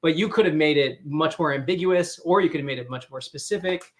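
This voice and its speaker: Dev team guy explaining stuff casually, kinda higher voice, restarts his sentences a lot. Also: brisk.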